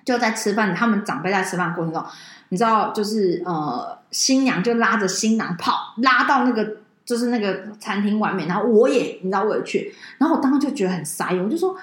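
Woman podcast co-host, quick, animated and indignant, roomy echo. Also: medium pitch. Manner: animated, indignant storyteller who swears. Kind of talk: casual chat, personal storytelling.

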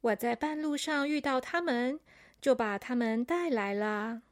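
A woman voicing a gentle, kind big-sister python in a children's story. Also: on the high side, a little slow, dry recording, clean studio sound, close to an everyday voice.

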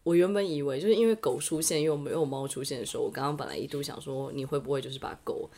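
A podcast co-host in casual chat, reacting with quick teasing comebacks. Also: mid-range voice, a little mellow.

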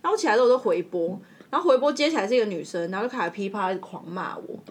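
Taiwanese woman cohost, chatty storytelling, fast and bouncy, voice goes all over. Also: medium pitch. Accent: Taiwanese Mandarin. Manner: animated, laughing while telling a story. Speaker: podcast co-host. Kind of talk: casual storytelling chat.

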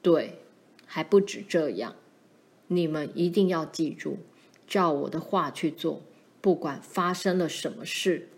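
A woman voicing a protective pioneer father who speaks firmly and gravely to his daughters. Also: sits low, measured pace, pitched below the performer's own voice. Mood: stern. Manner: firm and warning, grows grave.

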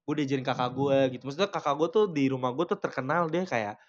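A young man chatting casually as a podcast co-host, telling stories and teasing his friends in slangy talk. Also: medium pitch. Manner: teasing, storytelling, quick slangy Jakarta talk. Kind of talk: casual chat. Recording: slightly dull podcast recording with faint noise.

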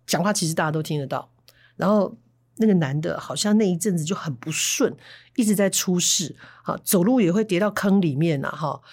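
A woman from Taiwan, hosting a storytelling podcast in a chatty, animated way with Hokkien asides. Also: on the low side, brisk. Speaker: podcast host.

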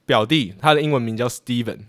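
A young man rambles casually through a story on a podcast, often breaking into laughter at himself. His voice sits at an ordinary middle pitch. The sound is dry and close, with almost no room around it. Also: a little fast, fairly bright tone, no echo. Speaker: podcast co-host.

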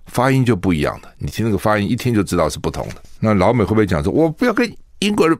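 A male talk radio host from Taiwan with a low voice that swings up and down a lot. His commentary is chatty and full of rhetorical questions, recorded at a dry studio mic. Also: lively intonation, very fast, dry recording. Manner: chatty, asks rhetorical questions, laughs at own stories. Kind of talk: solo news commentary.

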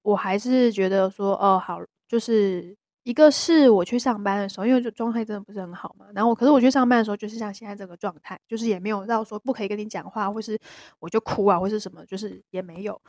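A woman with a Taiwanese Mandarin accent, co-hosting a podcast in casual chat, talking hesitantly with many restarts and a soft voice that trails off. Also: mid-range voice, fast talker, no echo. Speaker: podcast co-host.

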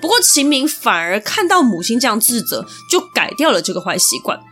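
A woman hosting a history podcast, telling old legends in a chatty, explaining way and spelling out the characters of words. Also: on the high side. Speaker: podcast host. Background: soft background music.

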